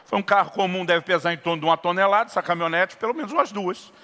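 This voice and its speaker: A middle-aged pastor with a Brazilian Portuguese accent tells a story in his sermon and plays the voices in it. His voice is high and bright. The long reverb of a church hall carries behind him. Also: rapid-fire. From São Paulo state, Brazil. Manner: acts out dialogue in a story, builds to impassioned preaching.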